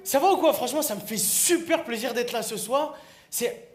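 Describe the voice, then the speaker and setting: High-voiced man doing stand-up comedy. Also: normal speed. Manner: teasing, animated, jokes with the audience. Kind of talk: stand-up comedy with crowd work. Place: stage in a comedy venue. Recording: echoey venue with crowd laughter and noise.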